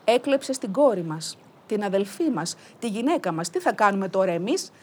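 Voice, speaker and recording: A woman's voice: medium pitch, very animated, breathy edge. A woman voicing a herd of elephants in a folk tale, sternly accusing a man.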